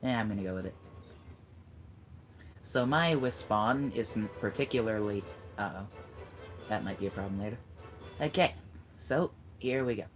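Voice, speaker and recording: A man's voice: fairly low pitch, normal speed, pauses often. A man chatting casually over a video game, teasing and giving tips to the friend playing beside him. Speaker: gamer coaching a friend. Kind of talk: casual let's-play chat. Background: game music.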